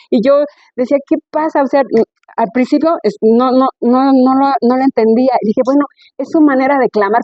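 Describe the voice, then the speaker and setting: Animated woman preaching. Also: dry recording. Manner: storytelling, animated with rising and falling pitch. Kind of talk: conversational sermon. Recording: dull lo-fi recording.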